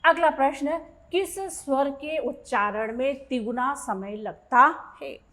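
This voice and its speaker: A Hindi teacher with a fairly high, slightly bright voice gives a grammar lesson at an unhurried pace. Like a patient exam-prep tutor, she reads every question aloud, repeats it, and works through the answer step by step.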